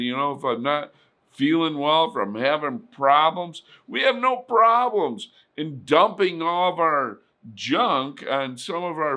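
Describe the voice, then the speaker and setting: Slow-talking man giving a casual sermon. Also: on the high side, pushed and bright. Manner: conversational, with many fillers and acted-out prayers. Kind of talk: informal sermon.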